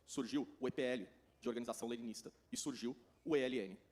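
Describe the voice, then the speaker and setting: At a conference, a consecutive interpreter with a Brazilian Portuguese accent races through each translated passage in a mid-pitched, darkish voice. His delivery is rapid and running.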